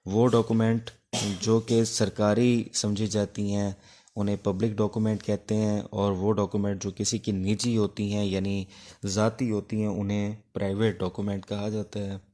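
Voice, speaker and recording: In a fairly low, level, dark voice, a Pakistani-accented man teaches law informally to prepare students for exams. He blends in English legal terms and delivers it haltingly, pausing between phrases like an instructor.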